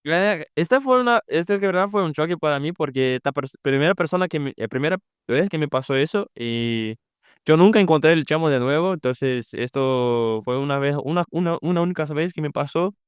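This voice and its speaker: Appearing as a podcast guest, this young adult from Brazil, once an exchange student, responds to questions in Spanish, though Portuguese is his native tongue. He gropes for words with a Brazilian Portuguese accent, his voice slightly high, expressive and fairly quick, with a clear, resonant tone in a studio recording free of room sound.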